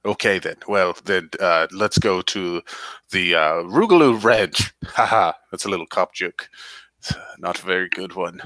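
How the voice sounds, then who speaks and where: A man playing a pompous, bumbling veteran police detective in a tabletop game, halting and overly courteous. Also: low-pitched, fairly bright tone, no room sound. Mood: self-important.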